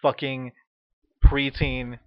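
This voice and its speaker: A man telling a funny story in casual chat, ranting with profanity and animated energy. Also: mid-range voice, extremely slow, smooth, no echo. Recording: dull, dry lo-fi sound.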